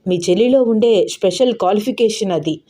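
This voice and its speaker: A woman's voice: mid-range voice, brisk, warm tone, lightly acted. A woman voicing a stern, protective young man who speaks seriously and firmly. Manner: serious, firm.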